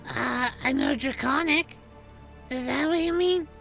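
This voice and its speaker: A woman's voice: sits high, a little slow, vocal fry, fairly bright tone, soft background music. A woman playing a tabletop game, chatty and playful. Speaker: player. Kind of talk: casual tabletop play.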